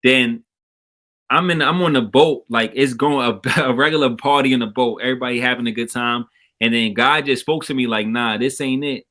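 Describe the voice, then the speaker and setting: A man's voice: medium pitch, moderate pace, pushed and bright. A man tells his testimony casually over a remote call, acting out the voices he heard in his head. His mic keeps cutting out, so the volume drops and jumps unevenly. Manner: storytelling that acts out quoted inner voices. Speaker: guest sharing his faith testimony. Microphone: remote call microphone.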